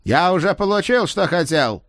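A man voicing an arrogant young Viking king in an audiobook, boastful and loud. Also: high-pitched, lively intonation, normal speed, no echo, clean studio sound, voice pushed up. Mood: haughty. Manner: haughty, boastful, shouted. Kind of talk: audiobook character voice.

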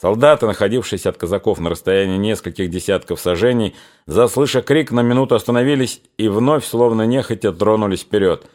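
A man with a fairly low voice reads literary prose aloud as an audiobook narrator. His delivery is measured and expressive.

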